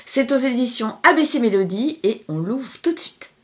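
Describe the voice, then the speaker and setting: A woman's voice: on the high side, expressive, normal speed. A woman presenting a children's book in a casual review, chatty and hesitant, with many fillers.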